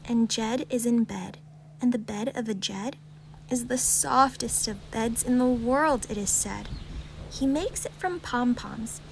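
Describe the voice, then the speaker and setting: A woman reads a rhyming children's bedtime story aloud in a calm, gentle, expressive storytelling way. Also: a little high, unhurried, gravelly, slight background noise, poor audio.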